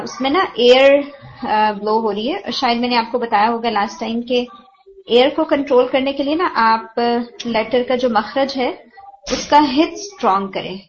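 Patient woman giving recitation feedback. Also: fairly high pitch. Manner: patient, explanatory, mixes English terms. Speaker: Quran recitation teacher. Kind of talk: tajweed feedback lesson. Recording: dull lo-fi audio with faint hiss.

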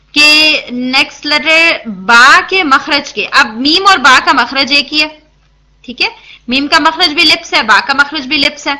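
In a high, pushed, bright voice, a woman gives a tajweed lesson on Quran recitation rules, patiently explaining and demonstrating the sounds. She mixes English words in, often checks in with her listeners, and asks questions she then answers herself.

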